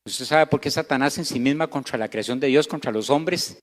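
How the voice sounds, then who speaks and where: A pastor with a Costa Rican Spanish accent and a medium-pitched voice preaches a sermon in a church hall. He swings between loud, emphatic moments and slow, hushed passages, and the recording carries the hall's echo.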